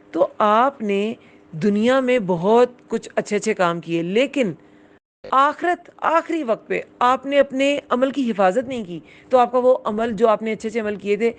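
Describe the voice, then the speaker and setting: A woman giving a religious lesson, explaining patiently and often asking her listeners whether they understood. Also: medium pitch. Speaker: Quran teacher. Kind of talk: Urdu religious lesson with English words.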